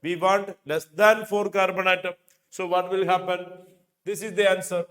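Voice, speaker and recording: This middle-aged chemistry teacher with an Indian accent has a high, fairly even voice that sounds a bit bright, and he speaks at a moderate pace. He works through questions in an exam coaching lecture and repeats key phrases for emphasis. He's recorded on a lapel mic in an indoor teaching studio that has a digital board.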